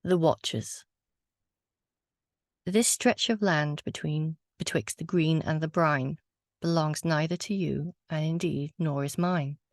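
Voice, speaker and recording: A woman storyteller with a low voice and a gravelly edge, speaking reflectively and a little hesitantly. Her voice sounds dry and close, with no room around it. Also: slow pace, no room sound. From Wales. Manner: reflective, earnest, with hesitant fillers. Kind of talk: casual talk and poetry reading.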